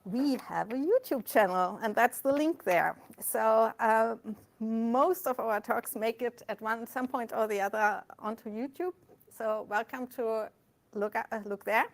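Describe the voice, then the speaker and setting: High-voiced woman speaking in front of an audience. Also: measured pace. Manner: addressing an audience in a room. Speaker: meetup organizer and host. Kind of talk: informal welcome presentation with announcements. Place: meetup room with live audience and online stream.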